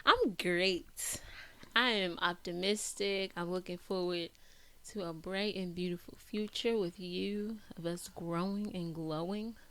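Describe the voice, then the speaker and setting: A woman's voice: fairly low pitch, fairly even intonation, measured pace, bright, forceful tone, no room sound. Baltimore lady hosting a podcast, lots of ums, dry close mic. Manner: chatty, laughs often, uses filler words. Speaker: podcast host. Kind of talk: casual chat.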